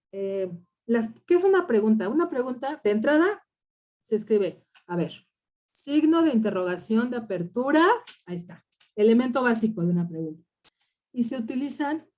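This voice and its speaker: Mellow-voiced woman teaching a class. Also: fairly high pitch. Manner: explanatory, checks understanding with frequent "¿sí?" and "¿no?". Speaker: university instructor. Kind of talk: online class lecture.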